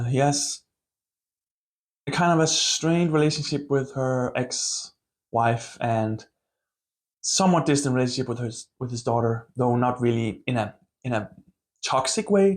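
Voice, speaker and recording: Male book reviewer, mid-range voice, relaxed conversational read, hedging and self-deprecating. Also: medium pitch. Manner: conversational, full of hedging qualifiers like "kind of" and "a little bit". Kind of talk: casual book review to camera.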